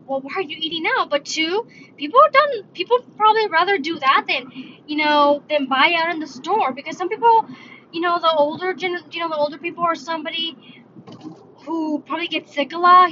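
Woman, podcast host, high voice, casual rambling chat, dull lo-fi recording, faint background noise. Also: sharp tone. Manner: rambling, self-correcting, chatty. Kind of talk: casual solo talk. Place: in a car.

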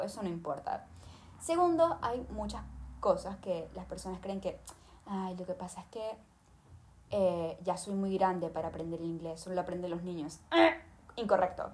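Lively woman giving advice. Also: mid-range voice, slight background noise. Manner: lively, emphatic, addresses listeners directly. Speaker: language tips presenter. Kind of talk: casual advice monologue.

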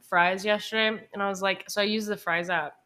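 Woman co-host, loose filler-heavy storyteller, bright voice, casual living-room chat. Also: medium pitch, steady tone, fairly quick. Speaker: podcast co-host.

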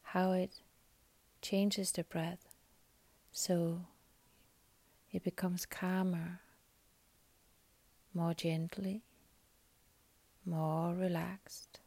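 A woman guiding a meditation in a soft, breathy, half-whispered, calming voice, speaking in short phrases with long pauses. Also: on the low side, no echo. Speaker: meditation guide. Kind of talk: guided meditation.

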